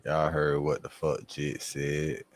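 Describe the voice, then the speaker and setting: A man's voice: rumbling low, completely flat delivery, takes it slowly, slight background noise. A man hosting a casual streamed chat, joking in loose, profane banter. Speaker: host.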